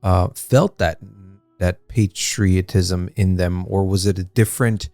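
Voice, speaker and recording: A man's voice: low-pitched, fairly even intonation, a little slow, a little mellow, no echo. A man co-hosting a casual history podcast, talking in a rambling way with many fillers and restarts. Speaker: podcast co-host.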